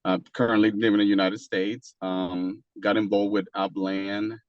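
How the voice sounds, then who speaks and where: Man, Costa Rican Spanish accent, very low voice, halting, dull dry sound. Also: flat delivery, dry recording. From Costa Rica. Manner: halting, many fillers and restarts. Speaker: guest. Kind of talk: casual interview talk.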